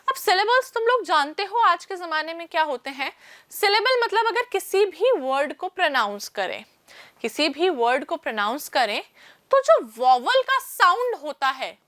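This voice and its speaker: A woman's voice: very high voice, bright, forceful tone, dry recording. A woman teaching a maths lesson step by step, asking questions and answering them herself. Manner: explains step by step, calls listeners "children"; asks and answers her own questions. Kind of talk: online class lesson.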